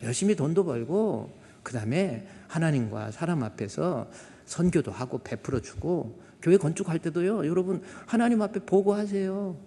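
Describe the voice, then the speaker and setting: A man's voice: fairly high pitch, animated, moderate pace, few pauses, dark tone. A male pastor preaching a sermon in a conversational way, often putting rhetorical questions to the congregation. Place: church sanctuary. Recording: long reverb of a church hall.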